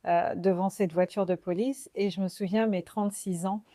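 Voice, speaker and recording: A woman in her forties from French Guiana, hosting a podcast and sharing a personal faith testimony in a slow, reflective, earnest way. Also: mid-range voice, steady tone, mellow, no room sound, studio quality. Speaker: podcast host.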